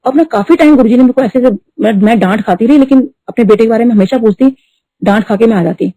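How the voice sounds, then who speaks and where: A middle-aged woman telling a devotional story at a satsang, talking fast and mixing in English words. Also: a little high, dark tone, no echo. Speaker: devotee sharing testimony. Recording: dull lo-fi dry recording.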